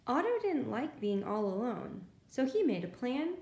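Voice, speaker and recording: A woman librarian narrates picture books aloud for preschoolers, full of expression and little asides to the kids. Her fairly high voice is very animated and a little mellow at a moderate pace, with reverberation and a slight hiss or hum.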